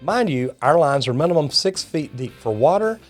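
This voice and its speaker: A middle-aged or older Texan man, a master plumber hosting a video, reads comments aloud and reacts in a folksy way, calling viewers y'all and guys. His voice is on the high side with lively intonation at a normal speed. Soft music plays in the background.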